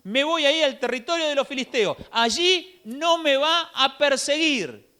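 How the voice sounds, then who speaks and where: A man with an Argentine accent voicing the young fugitive David, taunting and calling out loudly. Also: very high-pitched, big pitch swings, normal speed, pitched above the performer's own voice, exaggerated voice. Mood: anxious. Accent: Rioplatense Argentine Spanish. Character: young male David, defiant fugitive warrior.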